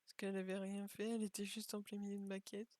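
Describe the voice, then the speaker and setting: A woman's voice: medium pitch, completely flat delivery, quick pace, darkish tone, no room sound. A young woman chatting casually as she plays and comments on a video game, thinking aloud and joking at herself. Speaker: gaming video creator.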